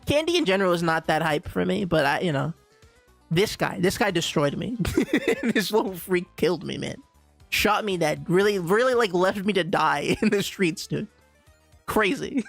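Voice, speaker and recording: A young man from Bermuda streaming, ranting in an animated, casual way with lots of laughter. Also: high voice, moderate pace, gravelly, faint music behind. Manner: animated ranting, laughs often, says "dude" a lot. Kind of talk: casual livestream chat.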